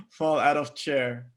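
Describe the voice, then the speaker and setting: A man with a German accent reading crude internet stories aloud to a friend on a call, often cracking up with laughter as he reads. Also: medium pitch. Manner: keeps breaking into laughter while reading.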